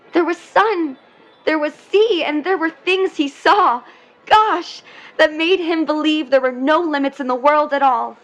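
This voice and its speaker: In a 1950s-era audio drama, a woman with a high voice plays an earnest, dreamy young mermaid who is in love. Her delivery is wistful and lyrical.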